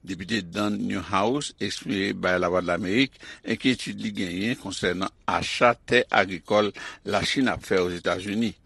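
Male news correspondent, low husky voice, measured read, dry close mic. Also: fairly bright tone, no room sound. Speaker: news reporter.

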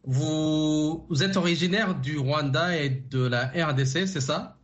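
A man hosting a radio interview program, asking formal, measured questions with frequent pauses. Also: a little high. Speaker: radio show host.

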